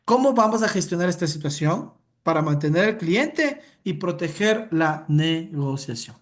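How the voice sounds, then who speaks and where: A woman's voice: lowish voice, lively intonation, normal speed. A woman instructor leading an interactive online lesson over a video call, direct and coaching.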